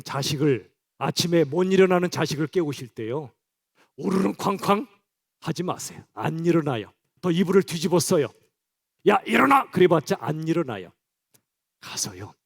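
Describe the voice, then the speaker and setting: Male pastor, higher-pitched voice, preaching to his congregation in a direct, chatty way. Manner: direct, conversational address to the congregation. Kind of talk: sermon. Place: church.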